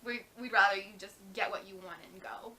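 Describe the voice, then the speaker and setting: A young woman co-hosting a casual vlog chat, blunt and quick to chime in with advice. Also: medium pitch, fairly even intonation, sharp tone. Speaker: vlog co-host.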